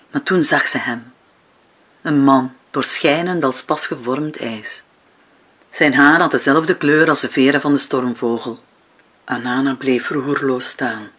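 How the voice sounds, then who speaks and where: A woman reading her own novel aloud as an audiobook, in a calm, measured way with slow, weighty pauses. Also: rumbling low, breathy edge. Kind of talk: audiobook narration.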